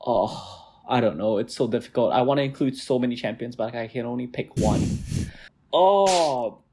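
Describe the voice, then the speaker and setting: A man's voice: mid-range voice, moderate pace, slight background noise. A man co-hosting a gaming podcast, talking casually and getting worked up as he rants about teammates. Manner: excitable, worked up, ranting. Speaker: podcast co-host, jungle player.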